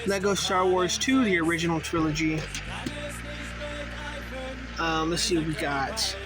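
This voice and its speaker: A man's voice: a little high, a little slow, over music. A young man hosting a casual vlog, chatting informally to viewers with loosely enunciated words because a mouth ulcer makes it hurt to talk. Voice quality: loose, not fully enunciated articulation. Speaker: video host. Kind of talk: casual game collection vlog.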